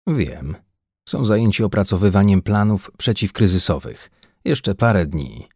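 A man voicing a calm, scheming male official in a science-fiction audiobook, speaking in a quiet, soothing, restrained way. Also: lowish voice, a little slow, breathy edge, no echo, studio quality, exaggerated voice. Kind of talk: audiobook character voice.

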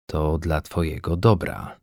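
A man voicing a calm, scheming male official in a science-fiction audiobook, speaking in a quiet, soothing, restrained way. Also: sits low, normal speed, creaky, no echo, studio quality. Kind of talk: audiobook character voice.

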